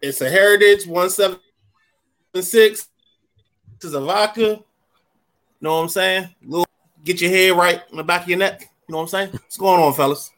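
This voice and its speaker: A man with a high-pitched voice talks casually as a show panelist. His delivery is informal and conversational. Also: normal speed, pauses often, a bit bright. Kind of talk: casual chat.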